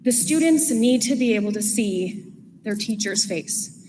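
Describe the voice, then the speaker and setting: A woman's voice: on the high side, unhurried. A woman, a parent, giving an earnest public comment at a school board meeting, with chatty asides. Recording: echoey hall with steady background noise.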